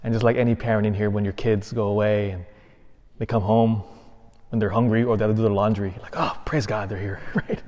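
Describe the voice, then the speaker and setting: Earnest priest preaching in a reverberant church. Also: male voice, lowish voice, flat delivery, fairly quick, lo-fi sound. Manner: earnest, builds to emphatic peaks then drops soft. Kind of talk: sermon. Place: large church.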